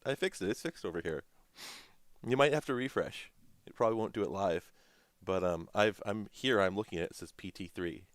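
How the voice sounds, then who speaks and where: A man in his thirties with a deep, smooth voice, chatting loosely on a livestream. He rambles, jokes and laughs easily. The sound is close and dry, with no room around it. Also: a little fast, no echo. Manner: joking, rambling, laughs often. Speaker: livestream co-host. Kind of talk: casual livestream chat.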